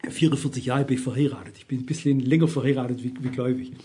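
A man's voice: medium pitch, steady tone, rapid-fire, warm tone. A man in his sixties preaching a sermon, emphatic and constantly asking his listeners rhetorical questions.

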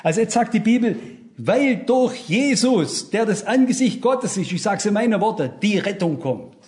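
Man, preacher, high voice, emphatic sermon delivery, direct address. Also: lively intonation, moderate pace, darkish tone. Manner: emphatic, rising and dropping for stress, addresses listeners directly.

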